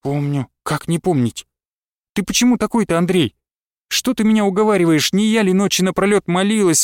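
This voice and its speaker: A man's voice: high-pitched, a little mellow, dry recording, studio quality, natural voice. A man reading aloud and voicing a young village wife who pleads and cries out in anguish. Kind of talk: audiobook character reading.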